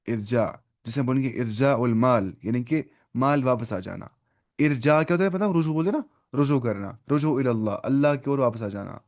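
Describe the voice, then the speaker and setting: With an Urdu-speaking accent, a man teaches an online Arabic lesson, thinking aloud, looking up words and correcting himself as he goes. His voice is mid-range and a little mellow.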